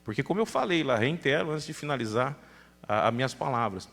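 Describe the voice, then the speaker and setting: A man's voice: mid-range voice, expressive, brisk, creaky, fairly bright tone. A man with a Brazilian accent from Paraná, a city councilor giving an emphatic formal speech at a public hearing. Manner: emphatic, thanks dignitaries at length. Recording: reverberant council chamber PA.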